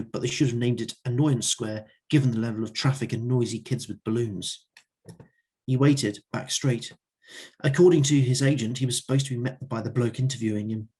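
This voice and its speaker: A man reads his own story aloud at an open mic night. He narrates wryly in a husky, mid-pitched voice. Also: a little mellow.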